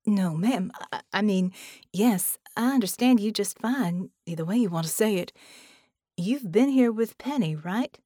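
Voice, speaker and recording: Woman reading as a calm level-headed heroine, plain voice, dry sound. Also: medium pitch, measured pace, no echo. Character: steady adult woman illusionist.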